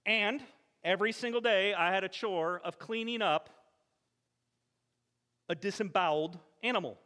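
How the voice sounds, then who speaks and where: A pastor gives an animated, storytelling sermon in a conversational style, slipping into quoted voices at a moderate pace. His voice is high, bright, and forward, carrying the long echo of a church sanctuary.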